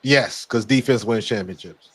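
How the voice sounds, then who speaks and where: American man, hoarse nearly lost voice, mid pitch, blunt, emphatic, casual sports analysis. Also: normal speed. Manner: emphatic, blunt, repeats words. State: hoarse, very little voice left. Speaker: guest football analyst, former pro player.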